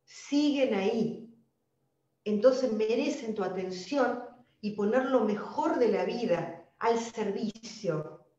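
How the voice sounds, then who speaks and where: Argentine woman, high lively voice, emphatic live-stream host in an echoey room. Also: slow pace, recorded from a distance, highs cut off. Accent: Argentine Spanish. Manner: animated, emphatic, addresses viewers directly. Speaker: holistic wellness host. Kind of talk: live-stream spiritual talk.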